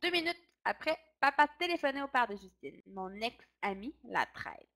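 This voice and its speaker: A woman storyteller reading a children's story aloud in the first person, with expressive narration. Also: fairly high pitch, moderate pace.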